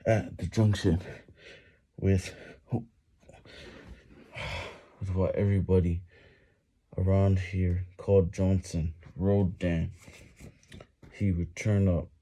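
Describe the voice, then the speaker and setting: A man's voice: low-pitched, dark tone, slightly rough. A man reading a novel aloud while doing push-ups, exerting himself, with sighs between phrases and words often broken off and repeated.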